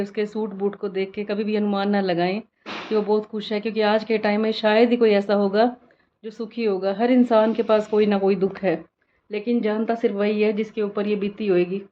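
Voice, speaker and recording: A woman, chatting to viewers directly in a casual family vlog. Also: mid-range voice. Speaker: vlogger. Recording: slightly dull phone audio with faint noise.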